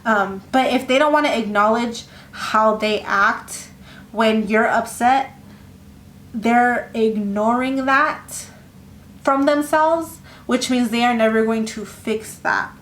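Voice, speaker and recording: A woman giving a casual tarot reading, talking in a rambling, halting way with many fillers and restarts. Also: on the high side, a bit bright. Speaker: tarot reader. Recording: echoey room with faint ambience.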